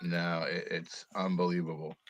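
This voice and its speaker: A man's voice: deep voice, little pitch movement, normal speed, no echo, dull audio. A man co-hosting a casual sports talk show from his home office, easygoing and hesitant, with many fillers and laughs. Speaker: co-host.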